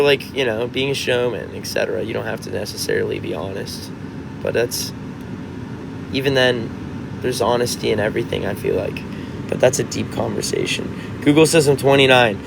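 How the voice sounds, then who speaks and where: A man's voice: mid-range voice, normal speed, creaky, background noise. A man in his twenties, a musician chatting casually on a livestream, reading out comments and rambling with frequent restarts. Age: 20s.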